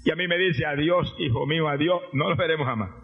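Brief: a preacher playing a remorseful young son, crying out, high-pitched. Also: male voice, fairly quick, close to an everyday voice. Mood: pleading. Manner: pleading, then shouting in joy. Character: young man, wayward son turning to faith. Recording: dull lo-fi recording, faint music.

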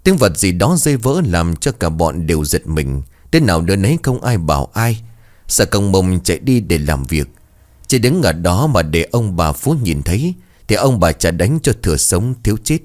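A man narrating a dramatic story in an expressive, measured way. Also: low-pitched.

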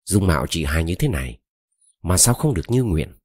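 A man's voice: deep voice, sing-song, brisk, darkish tone, breathy edge, no echo, studio quality, full character voice. A man voicing a sly old woman shaman. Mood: probing. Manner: cunning, coaxing.

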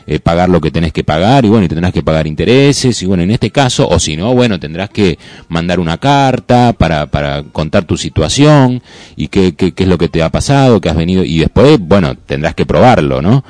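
Deep-voiced, halting Argentine man on radio. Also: lively intonation, darkish tone, no echo. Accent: Rioplatense Argentine Spanish. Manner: hesitant, halting, repeating words. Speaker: radio co-host. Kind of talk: radio commentary.

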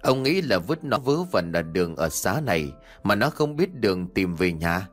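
A cruel, scheming elderly wife snaps orders at her timid husband, as a male storyteller puts her on. Her voice sits fairly low yet swings widely in pitch. She scolds with a bossy, cutting edge. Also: big pitch swings, normal speed, soft background music.

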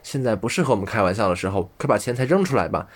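A man doing a nervous hushed thief. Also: fairly low pitch, expressive, very fast. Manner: hushed, urgent. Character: two nervous adult male thieves.

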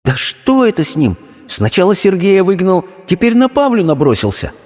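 A man voicing a theatrical, fussy young society wife in a spoken story, with a shrill, wheedling, put-on alarm. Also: wildly swooping pitch, moderate pace, a little mellow, big-room sound, full character voice.

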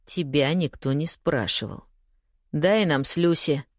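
A woman's voice: deep voice, measured pace, no echo, clean studio sound. A woman reading an audiobook, voicing an angry, pushy young man who growls and snaps his lines. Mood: menacing. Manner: gruff, growling.

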